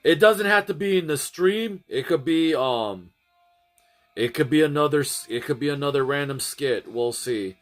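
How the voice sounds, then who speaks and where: A man's voice: a little high, normal speed, soft background music. Rambling man chatting to his stream. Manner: rambling, restarts and repeats phrases. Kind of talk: casual chat to a livestream audience.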